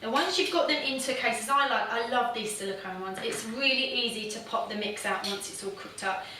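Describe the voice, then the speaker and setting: A woman's voice: fairly high pitch, fairly quick, bright, forceful tone, distant mic, slight background noise. A woman hosting a casual home cooking demonstration, chatty and self-deprecating, with plenty of fillers. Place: home kitchen. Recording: very echoey room, voice from off the mic.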